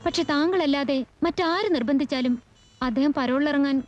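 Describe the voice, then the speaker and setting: An actress playing a polite, eager young unmarried woman who speaks respectfully and flatteringly. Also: sits high, normal speed, dull audio, close to an everyday voice. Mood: earnest. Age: young adult.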